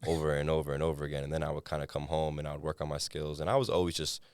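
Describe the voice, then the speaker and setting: Very deep-voiced young man, quick and smooth. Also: no echo. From New Hampshire, USA. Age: young adult. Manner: relaxed, slangy, lots of "like". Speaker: guest, former college basketball player. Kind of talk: casual podcast chat.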